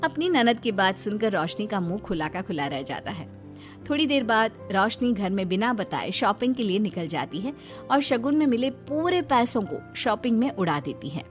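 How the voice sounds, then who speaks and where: A woman narrating a scripted cartoon story in an expressive storytelling manner. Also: medium pitch, normal speed, soft background music.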